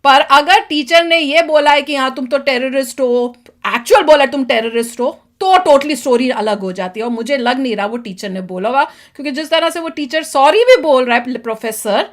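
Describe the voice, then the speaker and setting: Woman, from India, vlog host, high voice, chatty, speculative, thinks aloud. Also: normal speed, hardly any pauses. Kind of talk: casual commentary in Hindi mixed with English.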